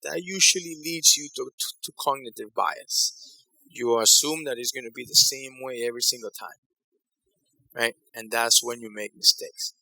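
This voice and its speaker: A man from Ecuador leads a college workshop session in an easy, conversational way. His voice is very bright and cutting, recorded close with almost no room sound. He often repeats a phrase to land a point. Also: mid-range voice, moderate pace, no echo, low-quality recording. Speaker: workshop facilitator. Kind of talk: conference breakout talk.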